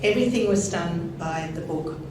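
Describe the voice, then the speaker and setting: An older woman delivers a scripted eulogy in a measured, gently wry way. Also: fairly low pitch. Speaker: eulogist at a family memorial. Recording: very echoey hall, distant mic, noisy.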